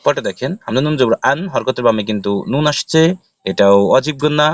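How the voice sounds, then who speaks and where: Male Quran tutor with a Bangladeshi accent, mid-pitched, dry close mic. Spells letters aloud, then chants each word. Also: fast, no room sound, dull audio. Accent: Bangladeshi Bengali. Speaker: Quran recitation teacher. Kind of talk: step-by-step spelling lesson.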